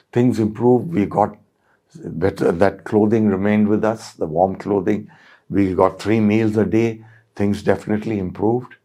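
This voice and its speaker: Older indian guy telling his war story, lots of uhs and restarts, low mellow voice. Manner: halting, with many fillers and restarts. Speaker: retired air force officer guest. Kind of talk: reflective storytelling interview.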